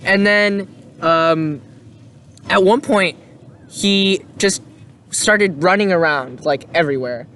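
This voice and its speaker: A man's voice: sits high, takes it slowly, pauses often, sharp tone, slight background noise. A young man co-hosting a casual podcast, telling a story in a rambling way with many fillers and restarts. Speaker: podcast co-host. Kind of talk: casual chat.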